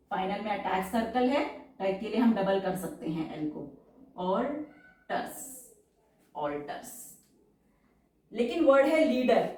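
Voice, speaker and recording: A woman's voice: mid-range voice, darkish tone, recorded from a distance. A woman teaches shorthand in a patient, step-by-step way, saying each example word twice. Her voice sits back from the microphone. The room around her carries a noticeable echo. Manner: patient, repeats example words slowly. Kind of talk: step-by-step tutorial explanation. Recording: roomy echo, voice from off-mic.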